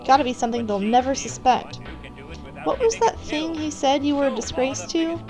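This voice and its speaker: A high-pitched woman reads a scripted story at a moderate pace, speaking in the second person so the listener becomes the character. The recording is rough and has music playing behind it.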